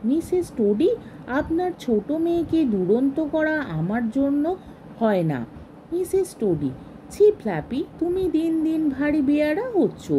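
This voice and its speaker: A woman's voice: sits high, very animated, measured pace, dark tone, a little hiss or hum, rough recording. A woman reading a story aloud and voicing a naive, eager lady who speaks politely.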